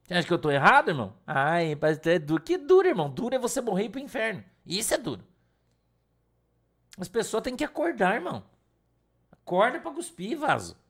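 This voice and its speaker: A pastor from Brazil preaching an informal sermon, blunt and scolding, full of slang. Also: male voice, high-pitched, wildly swooping pitch, quick pace, long pauses, a bit bright, slightly rough. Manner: blunt, scolding, slangy, mimics whiny congregants.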